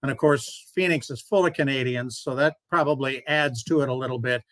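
A man hosting a casual sports talk show, relaxed in manner and steering the talk to breaks. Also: medium pitch, brisk, dry recording. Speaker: host.

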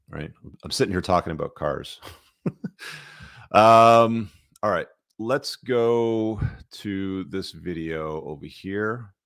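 Really deep voiced guy hosting a stream, casual chatty opinionated commentary to viewers. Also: creaky, fairly bright tone. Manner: informal, opinionated, conversational. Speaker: livestream host.

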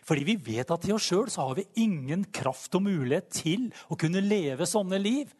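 A fervent man preaching a sermon, his voice sitting a little high for a man. He talks with animated feeling and keeps breaking into calls of praise as he goes.

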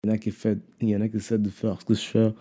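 A man's voice: on the low side, monotone, very fast, dark tone, slightly rough. A man in casual chat, slangy and repetitive, mixing in English words. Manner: slangy, mixes English into French, repeats himself. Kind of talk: casual chat about rap.

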